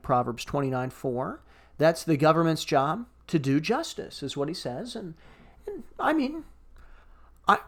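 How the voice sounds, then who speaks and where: A man co-hosting a casual podcast discussion who reads passages aloud and comments on them wryly. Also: on the high side. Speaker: podcast co-host.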